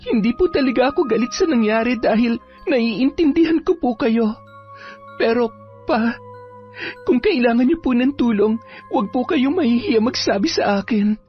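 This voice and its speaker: A woman playing a calm, polite young daughter. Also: on the high side, normal speed, dull audio, faint music behind, natural voice. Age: young adult. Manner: soft, respectful, calm.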